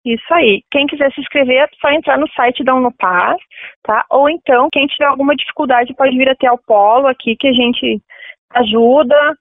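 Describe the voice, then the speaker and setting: A woman's voice: high-pitched, moderate pace, no echo. Woman campus coordinator, phoned-in over a landline, tinny narrow sound, chatty explanatory tone. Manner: explanatory, ends points with "tá?", frequent fillers. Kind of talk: radio phone interview. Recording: tinny phone line on radio.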